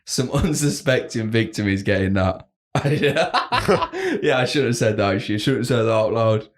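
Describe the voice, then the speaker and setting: A man's voice: medium pitch, wildly swooping pitch, normal speed. A young man co-hosting a casual podcast, laughing often and swearing freely. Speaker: podcast co-host. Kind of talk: casual banter.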